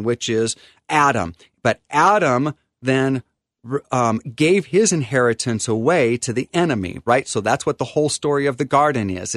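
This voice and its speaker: An attorney appears as a guest, earnestly laying out a faith-based view of estate planning in a preacherly style. His voice is medium-pitched, the recording dry and studio-quality, and he often stops and restarts with "um".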